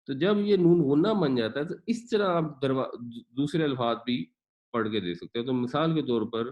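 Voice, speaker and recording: A man's voice: medium pitch, dull audio. A man teaching a Quran class, patiently explaining grammar and pronunciation with everyday examples. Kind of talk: explanatory lecture.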